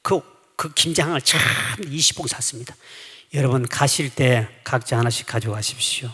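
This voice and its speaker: A middle-aged male pastor preaching a revival sermon, folksy and humorous, telling anecdotes and bursting into shouts for emphasis. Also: medium pitch, moderate pace, breathy edge. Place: church sanctuary. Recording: echoey church hall.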